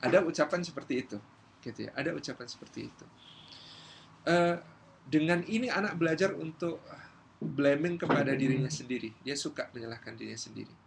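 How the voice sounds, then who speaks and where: A male Islamic preacher giving a lively study lecture, acting out everyday quotes as he tells stories. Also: on the high side, brisk, creaky, slight background noise. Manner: lively storytelling, acts out quotes. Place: community gathering hall.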